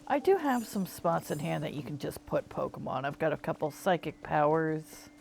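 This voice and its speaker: A woman narrates her relaxed gaming session in a soft, easygoing way, thinking aloud as she plays. Her voice is low with a gravelly texture. Gentle game music plays in the background. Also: moderate pace. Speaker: gaming streamer. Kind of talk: relaxed gameplay commentary. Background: faint game music.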